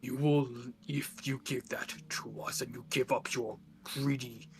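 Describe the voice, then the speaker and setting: A man playing a tabletop character who speaks in a demonic whispering voice, drawn out slowly with a gravelly, breathy tone. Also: mid-range voice, fairly even intonation, noisy background. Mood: menacing. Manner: slow, drawn-out threats. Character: menacing demonic voice of a patron-aided warlock. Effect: demonic whispering voice, as if speaking with a patron. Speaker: player. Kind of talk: tabletop role-play character voice.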